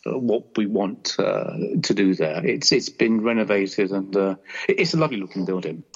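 A man's voice: on the low side, expressive, normal speed, slightly rough. A man talking casually as an interview guest, hesitant and often searching for words. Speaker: show guest. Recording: dull lo-fi audio.

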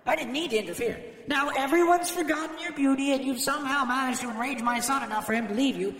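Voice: sits high, fast talker, fairly bright tone, echoey room, in a large hall, a little hiss or hum, voice pushed up. A storyteller voicing a haughty, scornful goddess who talks down to a mortal. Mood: mocking. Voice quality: mocking, condescending. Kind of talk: storytelling podcast voice acting.

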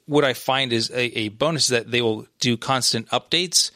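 A man's voice: mid-range voice, moderate pace, bright, forceful tone, no echo, studio quality. A man co-hosting a casual gaming podcast, explaining things in a rambling way with lots of restarts. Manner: rambling, many restarts and fillers. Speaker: podcast co-host. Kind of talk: casual esports chat.

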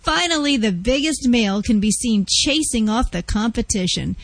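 A woman's voice: on the high side, animated, moderate pace, no room sound. Woman reporter, scripted narration, very dry sound. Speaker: radio reporter. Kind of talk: scripted narration for a pet radio segment.

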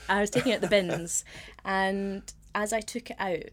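A woman is being interviewed as a playwright. She talks frankly and pokes fun at herself, swearing now and then. Her voice sits at an ordinary middle pitch. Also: moderate pace, slight background noise. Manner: frank, self-deprecating, swears casually. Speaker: playwright guest. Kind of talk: candid storytelling in conversation.

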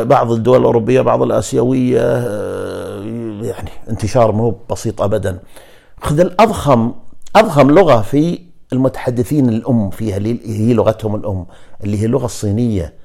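Najdi Saudi man, podcast host, rambling solo chat, dark gravelly voice. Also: medium pitch. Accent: Najdi Saudi Arabic. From Najd, Saudi Arabia. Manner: loose, rambling, addresses the listener directly. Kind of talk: casual solo monologue.

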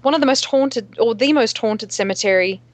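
A woman co-hosting a podcast in casual chat, halting as she searches for her words. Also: a little high, no echo. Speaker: podcast co-host.

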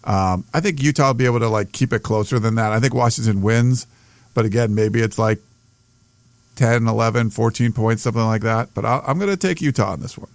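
A man's voice: mid-range voice, brisk, no room sound. An American man co-hosting a sports podcast in casual chat, hesitant and circling back over his phrases.

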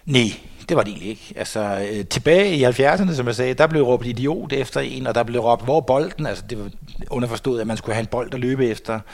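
A man's voice: mid-range voice, gravelly, hardly any pauses. Older man reminiscing, full of hesitations. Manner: hesitant, many fillers and restarts. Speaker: guest. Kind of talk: reminiscing interview talk. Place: studio.

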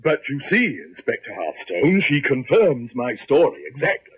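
A man's voice: mid-range voice, big pitch swings, moderate pace, husky. An actor playing an evasive businessman under suspicion in a 1950s radio drama, protesting and defensive. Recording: muffled old radio recording.

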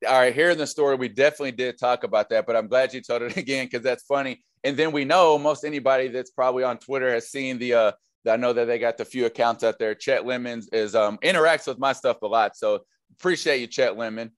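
A man's voice: medium pitch, fairly even intonation, quick pace, no echo. A young man hosting a casual podcast interview, friendly and loose with many fillers. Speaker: podcast host.

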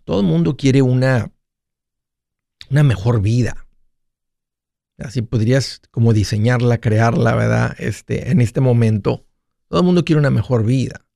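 A man's voice: medium pitch, moderate pace, gravelly, pauses often, mellow, dry recording, studio quality. A man hosting a casual monologue, playful and jokey, often restarting mid-phrase. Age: 40s. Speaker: radio finance host.

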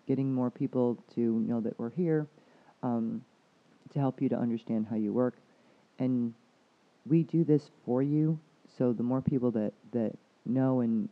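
A man coaching a guest through a relaxed podcast chat, his thoughts circling back on themselves in restarts. His pitch sits right in the middle. The recording is dull and lo-fi. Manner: rambling, with many restarts. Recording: dull lo-fi sound.

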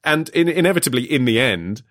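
Man, thirties, casual podcast chat, animated storyteller, lively pitch, dry close sound. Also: fairly quick, no echo.

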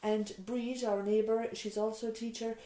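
A fairly high, flat-sounding voice at a moderate pace comes from a middle-aged Irish woman, a nurse and mother, in the echoey small room of an island nurse's surgery. Answering an interview reflectively, she tells her story warmly with frequent restarts, asides and "you know".

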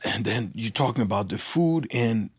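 A man telling a personal story as an interview guest, lively and acting out the dialogue. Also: on the low side, moderate pace, slightly rough, no room sound, studio quality. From Liberia. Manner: animated, acts out dialogue. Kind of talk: anecdotal storytelling.

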